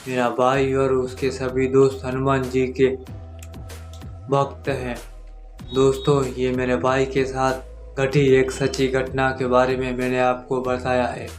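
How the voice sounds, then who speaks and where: A man tells a spooky story at an unhurried, steady pace, his voice staying almost entirely flat in pitch. He sounds measured and deliberate as a horror storyteller. Soft music runs faintly underneath. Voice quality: monotone, measured. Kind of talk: scripted first-person horror narration. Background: faint background music.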